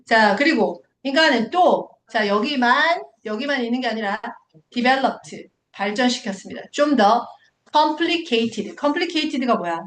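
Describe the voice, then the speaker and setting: A young woman teaching an English class who keeps quizzing her students with quick questions as she explains. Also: on the high side, lively intonation, fairly bright tone. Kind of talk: classroom lecture. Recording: roomy echoing classroom.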